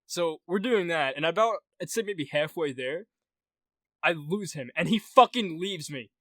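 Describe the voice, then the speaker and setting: A young man co-hosting a podcast, telling a story casually, animated, swearing often and restarting his sentences. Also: a little high, a little slow, dry recording. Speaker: podcast co-host.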